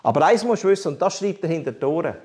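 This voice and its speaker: A quiet, loving mother, voiced by a man with a Swiss German accent speaks calmly within a sermon. She is patient and steady. The voice sits slightly high and moves freely. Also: rapid-fire, natural voice. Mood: gentle. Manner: quiet and calm. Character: loving, patient mother, middle-aged woman.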